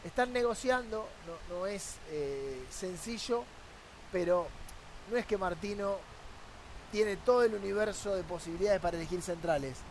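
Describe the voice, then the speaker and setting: A man's voice: high-pitched, normal speed, slight background noise. A man with an Argentine accent, a sports journalist arguing his point on a football talk panel with rhetorical questions.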